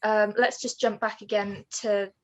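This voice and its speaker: A woman's voice: mid-range voice, little pitch movement, measured pace, slight background noise. A woman hosting a podcast in an upbeat, polite way, with some "um" fillers as she phrases questions. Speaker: podcast host.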